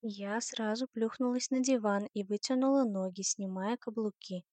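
A woman reads a first-person novel aloud in a mid-pitched voice, with even, expressive storytelling. The recording is dry and close, with no room echo. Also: moderate pace. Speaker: audiobook narrator.

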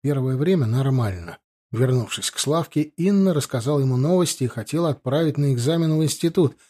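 A man narrating a story as an audiobook in a steady, even manner. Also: mid-range voice, brisk.

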